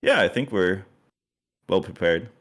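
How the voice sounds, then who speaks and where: A man's voice: low-pitched, big pitch swings, unhurried, a bit bright. A man interviewed as a team commander, upbeat and eager, rambling a bit. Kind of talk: casual interview.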